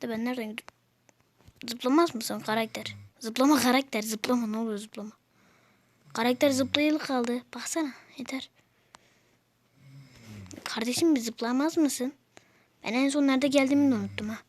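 High-voiced woman, exasperated gamer. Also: brisk, no echo. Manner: exasperated, complaining at the game. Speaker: gameplay video maker. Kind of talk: casual gameplay commentary.

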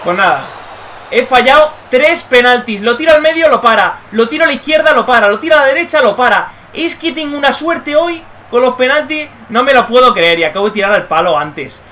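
A young man commentating live on his own football video game match, muttering one moment and yelling the next. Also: very high voice, brisk. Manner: excitable, swings from muttering to yelling. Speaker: gaming streamer.

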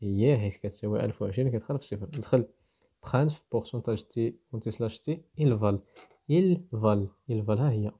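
A fairly low, dark voice with a breathy edge moves at a quick pace. The speaker, a man with a Moroccan Arabic accent, teaches programming to students and reasons aloud as he works through the code step by step.

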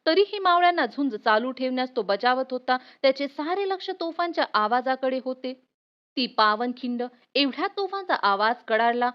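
A woman's voice: high voice, expressive, moderate pace. A woman teacher reading a history lesson aloud for students, telling it expressively and speaking to viewers directly. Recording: muffled lo-fi recording.

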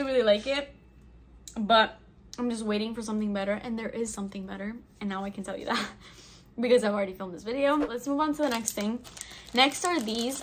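Young woman vlogger, slightly high voice, bubbly and chatty, filler-heavy casual talk. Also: a bit bright, a little hiss or hum. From Albanian heritage. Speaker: vlogger reviewing snacks. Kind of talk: casual chat.

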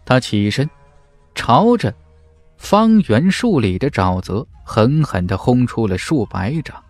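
This audiobook narrator has a lowish, darkish male voice. He reads a fantasy novel in a theatrical, emphatic style of dramatic scripted narration, with background music behind him.

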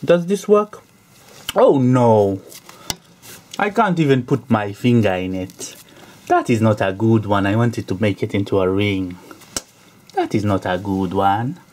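A man's voice: fairly low pitch, a little slow, darkish tone. A man hosting a casual snack review in a jokey, rambling way, repeating his catchphrases. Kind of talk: casual product review to camera. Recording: clearly noisy, crinkling packet and clicks. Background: crisp packet crinkling.

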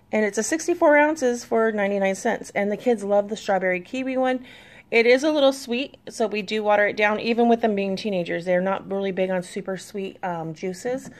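Chatty mom with a gravelly edge. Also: female voice, mid-range voice. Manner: chatty, reads labels aloud, easygoing. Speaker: vlogger mom showing a shopping haul. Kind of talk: casual chat to camera.

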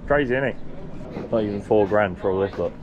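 A man with a fairly low voice makes casual remarks to those beside him. The sound is a little dull, outdoors with a busy crowd around. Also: fast talker. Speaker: sale-goer. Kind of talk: casual chat. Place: outdoors in a farm sale crowd.

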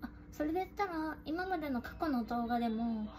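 A woman's voice: high-pitched, animated, a little fast, a little mellow. A young woman with a cute, girlish anime-style voice, chatting casually to camera as she hosts an unboxing vlog. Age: young adult. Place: room at home. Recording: noisy room, rustling and clicks.

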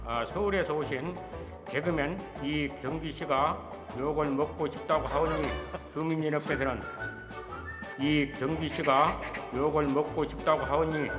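Echoing male village loudspeaker announcer. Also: on the high side, fairly even intonation, a little slow. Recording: echoing loudspeaker, music behind.

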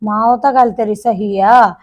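A woman's voice: mid-range voice, steady tone, moderate pace, muffled recording, natural voice. An actress playing a married daughter who chats and complains about her mother-in-law, with a Punjabi accent. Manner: chatty and complaining. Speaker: actor. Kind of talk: village short-film acting.

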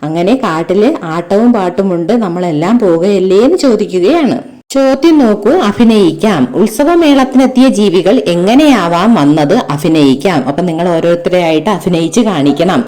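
A woman teacher with a warm, soft-edged voice reads a children's textbook lesson aloud. She moves through rhythmic verse and then turns to the children with simple questions. She speaks to them fondly and directly. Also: on the low side, animated, moderate pace. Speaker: primary school teacher.

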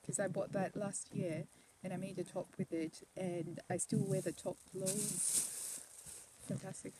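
A woman's voice: medium pitch, steady tone, a little slow, heavy background noise. A woman vlogging a fabric shopping meetup, chatting and teasing people with playful questions. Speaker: vlogger and interviewer. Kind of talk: casual chat. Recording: loud crowd chatter behind.

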